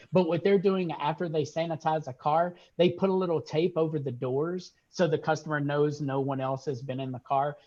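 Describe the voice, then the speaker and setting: A man's voice: fairly high pitch, a little mellow. A man on a video call, reviewing a store's sales numbers and praising the team in an upbeat way. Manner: upbeat, praising, fills with uh and restarts. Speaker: regional sales manager. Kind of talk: video call business check-in. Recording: dull lo-fi call audio.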